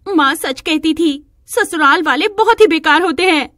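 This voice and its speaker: Woman playing a spoiled young bride, stubborn, high-pitched nagging. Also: normal speed, a bit bright, no room sound, clean studio sound. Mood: angry. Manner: whiny and demanding.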